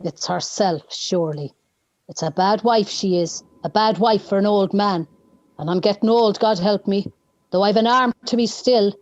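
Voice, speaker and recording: A woman's voice: mid-range voice, moderate pace, a little mellow, no echo, highs cut off, lightly acted. A woman reading the part of a bitter old husband who is faking his death, grumbling and complaining. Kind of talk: play reading.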